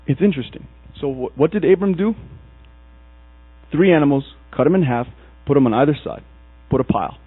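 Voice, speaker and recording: A man preaching in a relaxed, animated way, telling stories and playing out little asides along the way. His voice sits a little high for a man and has a husky edge. The recording is tinny and lo-fi, with a low mains hum underneath. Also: fairly quick, long pauses. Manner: casual, animated storytelling with acted asides. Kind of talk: sermon.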